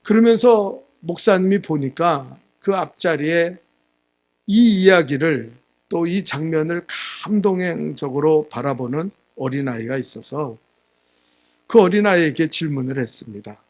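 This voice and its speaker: Korean pastor preaching, storytelling. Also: male voice, on the high side, animated, measured pace. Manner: storytelling with acted quotes, rising loud at climaxes. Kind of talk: sermon. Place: church sanctuary.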